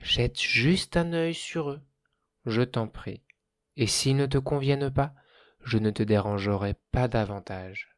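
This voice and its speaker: A man doing a gentle young village girl. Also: medium pitch, lively intonation, unhurried, clear, resonant tone, close to an everyday voice. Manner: soft, pleading.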